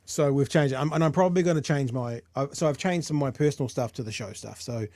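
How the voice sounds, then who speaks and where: A man's voice: mid-range voice, fast, darkish tone. A man with a New Zealand accent hosting a talk show in casual, conversational live chat.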